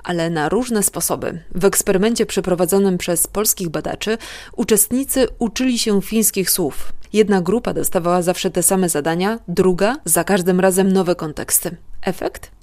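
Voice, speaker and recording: A woman's voice: lowish voice, normal speed, darkish tone. A woman narrating a scripted radio feature as the reporter.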